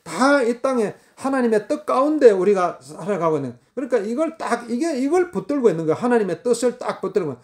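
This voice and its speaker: High-voiced man preaching emphatically. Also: big pitch swings, fast, hardly any pauses, a little mellow. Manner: repetitive, emphatic preaching with many fillers. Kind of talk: sermon.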